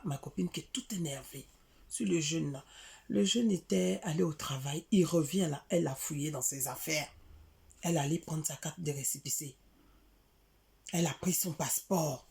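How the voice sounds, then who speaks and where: A middle-aged woman from Africa tells a story to her viewers in a casual monologue, animated and indignant, repeating words for emphasis. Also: low voice, creaky. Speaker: vlogger addressing her community.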